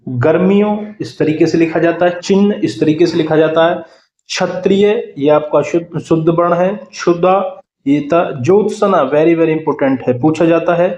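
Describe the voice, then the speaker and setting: A man's voice: a little high, a little mellow. Hindi man teaching spelling, echoey dull audio. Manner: explains quickly, often repeating key words. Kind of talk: exam-prep lesson. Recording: roomy, muffled sound.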